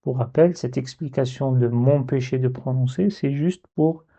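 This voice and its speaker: A man teaching Arabic letter reading in a slow step-by-step lesson, patiently spelling out syllables and repeating them. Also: mid-range voice, warm tone, slightly rough, highs cut off.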